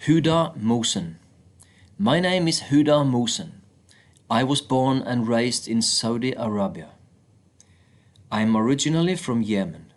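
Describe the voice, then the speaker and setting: A man reading first-person passages aloud from a book in a steady, plain manner. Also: medium pitch.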